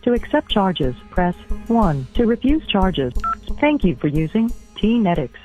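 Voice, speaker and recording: A woman's voice: mid-range voice, faint music behind. Woman's automated payphone call prompt. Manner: flat, measured automated announcement. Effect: recorded prompt heard over a prison payphone line. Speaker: automated collect-call operator message. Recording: tinny lo-fi phone line.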